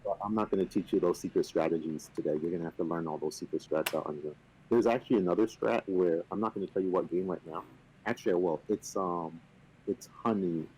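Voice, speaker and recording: A man on a video call casually explaining a game, relaxed and playfully boastful, with lots of fillers. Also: low voice, fast, a little hiss or hum, rough recording. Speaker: company representative teaching the game. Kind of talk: casual chat on a stream.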